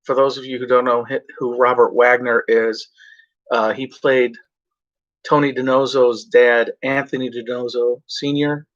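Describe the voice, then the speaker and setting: A man's voice: medium pitch, little pitch movement, a little slow. A man rambling casually and off script in a vlog, meandering between stories and swearing freely. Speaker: vlogger. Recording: dull lo-fi recording.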